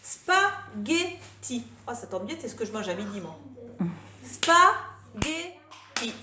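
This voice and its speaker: A woman teacher giving a remote lesson to young children, lively and drawing out words slowly, syllable by syllable. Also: mid-range voice. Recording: echoey room, faint noise.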